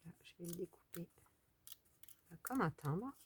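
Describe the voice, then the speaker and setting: A woman's voice: fairly low pitch, animated, measured pace, darkish tone, a little hiss or hum. A French woman chatting casually as she walks through a crafting tutorial, thinking aloud with trailing fillers. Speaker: crafting video host.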